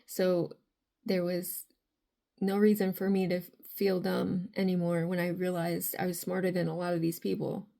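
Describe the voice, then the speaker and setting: Reading tarot for her viewers, a woman speaks in a mellow, raspy voice at a normal speed. Her pitch stays narrow and even while she rambles from one thought to the next, dropping in plenty of filler phrases.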